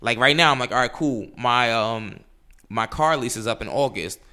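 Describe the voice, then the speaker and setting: A man in casual chat, telling stories in a loose, profane, animated way. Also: medium pitch, moderate pace.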